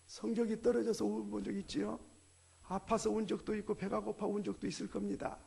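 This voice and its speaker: A man preaching a sermon as a pastor, animated, acting out family dialogue. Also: sits high, a little fast, gravelly, slightly rough.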